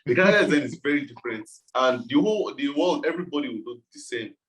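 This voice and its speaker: A man's voice: medium pitch, expressive, fast, a bit bright, rough recording. A man with a West African accent talking casually as an interview guest, explaining things in a loose, informal way. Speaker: game developer being interviewed.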